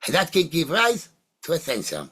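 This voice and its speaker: A husky voice of ambiguous sex, mid-pitched, speaks as a seance medium channelling spirits. The phrasing is halting and deliberate, breaking into short oracular fragments as answers are given in trance. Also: huge pitch swings, a bit bright.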